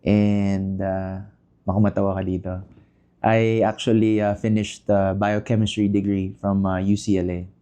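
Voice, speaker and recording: A Filipino man in his thirties, a podcast guest speaking casually and in measured phrases with frequent pauses, mixing Tagalog into English. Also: fairly low pitch, little pitch movement, warm tone, clean tone. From Philippines. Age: 30s. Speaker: podcast guest, business leader. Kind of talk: casual interview talk.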